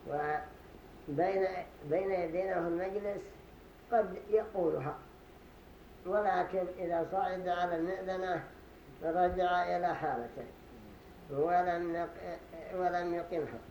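Male sheikh, high voice, deliberate teaching of a religious lesson, roomy echoing mosque hall. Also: steady tone, gravelly, darkish tone. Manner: deliberate explaining, repeats phrases to show pronunciation. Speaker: sheikh teaching a study circle. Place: study gathering in a mosque hall. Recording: roomy echo with faint hiss.

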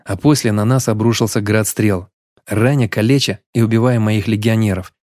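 A man narrating a first-person audiobook story in a steady, even way. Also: on the low side, moderate pace, no echo, clean studio sound.

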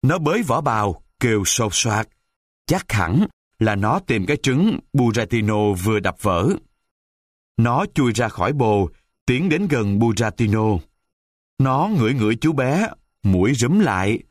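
A man narrating a children's storybook audiobook in an expressive, animated way. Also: mid-range voice, a little slow, dry recording, clean studio sound.

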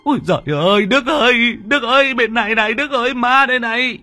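A man doing a shrill, panicky old man. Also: a little fast, pushed and bright, exaggerated voice. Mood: panicked. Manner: shrill, wailing.

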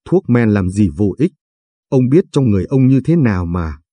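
Old dying grandpa voiced by a male reader, weary, fond teasing, low husky tone. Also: sing-song, normal speed, mellow, dry recording. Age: older.

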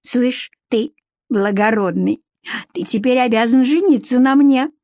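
A cheeky young village woman, teasing and mocking, read by a woman narrator. She sounds a touch high and close, with a dry audiobook sound. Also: a little slow, mellow, no echo.

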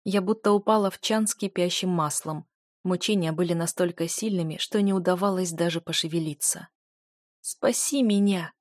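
A woman's voice: fairly low pitch, fairly even intonation, a little fast, no echo, studio quality. A woman narrating a fantasy novel aloud, with a dramatic and emotional delivery. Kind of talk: audiobook narration.

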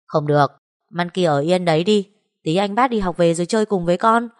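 A woman's voice: lowish voice, brisk, close to an everyday voice. A woman voicing a cold, scheming young mother who speaks curtly with false sweetness. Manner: curt, falsely sweet coaxing.

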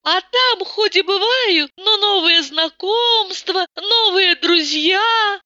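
A woman's voice: very high-pitched, slow, pushed and bright, dry recording, pitched above the performer's own voice, exaggerated voice. A woman voicing a bored, tearful rich young wife who whines and sighs theatrically about her empty life, in a dull, muffled audiobook recording. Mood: plaintive. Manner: plaintive, sighing, theatrical.

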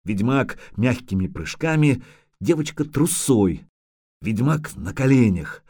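A man giving a dramatic, expressive audiobook narration on a close mic. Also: mid-range voice, takes it slowly, dry recording. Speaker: audiobook reader.

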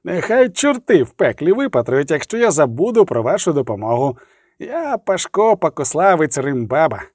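A man voicing a rough, boastful fair-haired male soldier in an audiobook. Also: on the high side, big pitch swings, moderate pace, a little mellow, no room sound, studio quality. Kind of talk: audiobook character voice.

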